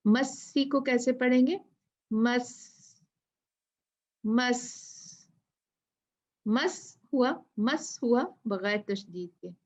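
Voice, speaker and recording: A woman teaching a Tajweed lesson, drilling syllables slowly and repeating them for students to echo. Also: on the high side. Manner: drawn-out chanted recitation of verses. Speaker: Quran recitation teacher. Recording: dull lo-fi sound.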